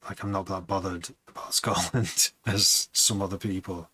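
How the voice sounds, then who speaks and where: A man's voice: sits low, steady tone, moderate pace, sharp tone, husky, no echo, low-quality recording. A man who produces music, chatting casually on a live stream, rambling and hesitant with many restarts.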